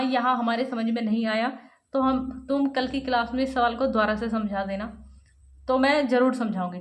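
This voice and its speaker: A woman's voice: on the high side, roomy sound. A woman teaching a step-by-step math lesson, asking her students questions and answering them herself.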